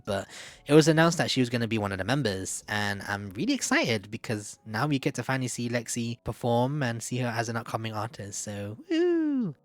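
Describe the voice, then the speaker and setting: A man's voice: fairly low pitch, no room sound. A man giving casual, candid opinion commentary in a chatty way, often hedging with "like" and "I don't know". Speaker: video essayist.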